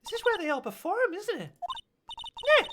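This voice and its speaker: A woman voicing a bubbly, excitable young female sidekick in a fan game voice-over, playful and teasing. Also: extremely high pitch, normal speed, very noisy, voice pushed up.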